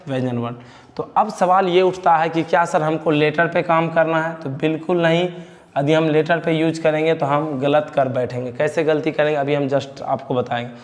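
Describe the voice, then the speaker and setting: Bihari accent guy teaching grammar, bit high voice, asks then answers himself, echoey reverb. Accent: Bihari Hindi. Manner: asks the class questions and answers them himself, repeats key words. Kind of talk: classroom grammar lesson.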